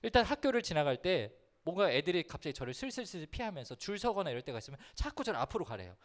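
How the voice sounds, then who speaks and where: Animated, high-voiced man preaching to teens. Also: quick pace. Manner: lively, humorous, addresses listeners directly. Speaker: youth pastor. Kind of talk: storytelling sermon to teens.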